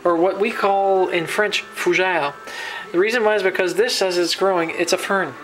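A home cook from New Brunswick, Canada, speaks in a high voice at a moderate pace in a casual cooking vlog shot in his kitchen on a handheld camera. He's relaxed and rambling, full of fillers and restarts, with soft music behind him and rough recording quality.

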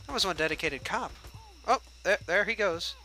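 A man's voice: high voice, lively intonation, moderate pace, sharp tone, faint music behind, low-quality recording. A young man giving casual, joking let's-play commentary and chatting at the game's characters. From United States. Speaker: gameplay livestreamer.

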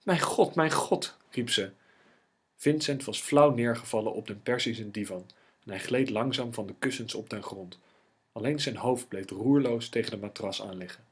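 A man reading a classic novel aloud as an audiobook, in a steady, measured way. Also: fairly low pitch, slightly rough. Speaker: audiobook reader. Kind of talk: audiobook narration.

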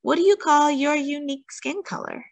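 Reading a children's picture book at story time, a woman uses a high, creaky voice. She stresses words in a deliberate, teacherly way and questions the little ones listening.

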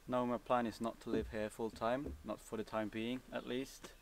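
A young man with a Swedish accent answers viewer questions outdoors in a relaxed, hesitant way, with many fillers and restarts. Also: mid-range voice, moderate pace, distant mic, slight background noise. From Sweden. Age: young adult. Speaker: vlogger. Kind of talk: casual Q&A answers. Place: outdoors, seated on a cabin bench by woods.

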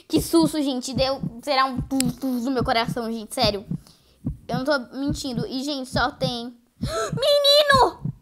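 A woman commentating her own gameplay in a high, bright voice. She is jumpy and easily startled, breaks into shrieks at every scare, and keeps turning to her viewers to tell them what is happening. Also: a little hiss or hum. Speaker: gaming YouTuber.

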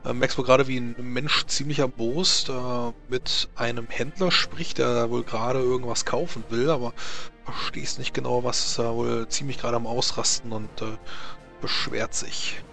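A man's voice: medium pitch, fairly even intonation, moderate pace, gravelly, fairly bright tone. A man acting as game master, narrating and prompting players in a tabletop role-playing game. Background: music.

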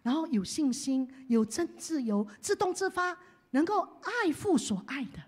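Woman pastor, high voice, sermon that swings from hushed to loud. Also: big pitch swings, normal speed. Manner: leads the congregation in call-and-response, swings from hushed to loud.

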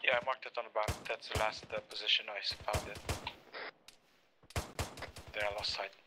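A man on a squad radio in a military game, giving halting tactical callouts with many pauses. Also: on the low side, little pitch movement, over music. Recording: gunfire noise in the background. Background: gunfire from the game.

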